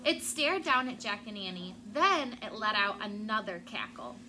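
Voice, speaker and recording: A woman teacher reads a children's book aloud to her elementary pupils, prompting them with questions to check their understanding. Her medium-pitched voice is bright and forceful, with lively intonation at a normal speed. The room sound is clearly noisy.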